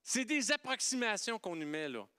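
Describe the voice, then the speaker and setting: Québécois male pastor, lively sermon, slightly high, smooth and crisp. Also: normal speed, no echo, studio quality. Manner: animated and playful, swinging from loud exclamations to hushed softness.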